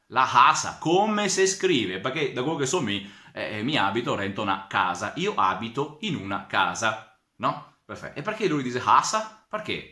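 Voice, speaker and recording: A man with a Venetian accent teaches diction in a loose, lively way. His pitch swings a lot, and his bright, forceful tone comes with a roomy echo. He keeps exclaiming and dropping dialect words into his lesson. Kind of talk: informal spoken lesson.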